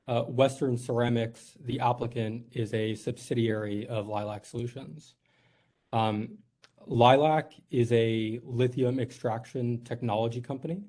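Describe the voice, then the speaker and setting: Man from New York, executive presenting, mellow, filler-heavy, earnest. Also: medium pitch. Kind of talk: formal presentation at a board meeting.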